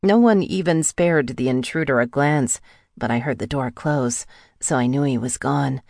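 A woman narrating a first-person romance audiobook in an intimate, breathy delivery. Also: rumbling low, moderate pace, a little mellow, no room sound, studio quality.

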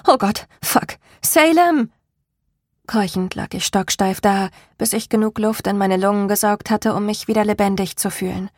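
A woman narrating a first-person audiobook in a lively, expressive way, acting out the dialogue with feeling. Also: medium pitch, dry recording, clean studio sound.

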